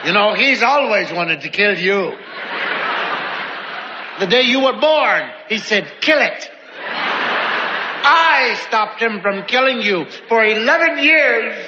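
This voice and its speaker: A man putting on a fed-up mother who scolds her son in an exasperated half-shout. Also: high-pitched, expressive, slow, pauses often, noisy background. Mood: scolding. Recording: live show in a hall, dull sound, audience.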